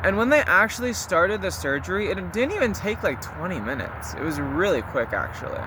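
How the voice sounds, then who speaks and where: Young guy w slightly high voice rambling casually diary vlog style, slangy n sweary, noisy outside car sounds behind. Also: big pitch swings, a little fast. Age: young adult. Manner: rambling, slangy, mildly profane. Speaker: vlogger recording a spoken diary. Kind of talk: casual confessional chat to listeners.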